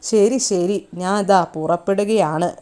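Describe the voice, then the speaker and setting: A protective older brother speaks loudly and fast, scolding one moment and soothing the next, as a woman narrator reads his part. The voice stays close to her own, recited rather than acted. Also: mid-range voice, natural voice. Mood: worried, defensive. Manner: loud, scolding, quick. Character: protective older brother, angry then coaxing.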